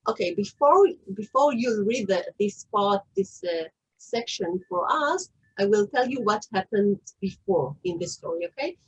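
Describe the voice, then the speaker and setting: Husky-voiced woman presenting online. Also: mid-range voice, darkish tone, low-quality recording. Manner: hesitant, explanatory, many fillers and restarts. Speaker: author presenting her book.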